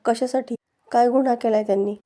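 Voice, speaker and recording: Worried young man, read by a woman narrator, mellow and even. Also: fairly high pitch, quick pace, lightly acted. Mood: anxious. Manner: anxious, shocked.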